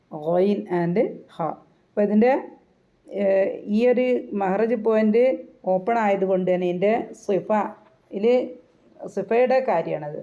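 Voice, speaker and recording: A woman's voice: fairly low pitch, mellow, dull audio. A woman teaching how to pronounce Arabic letters for Quran recitation, patiently repeating points and checking with her listeners. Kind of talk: explanatory lesson.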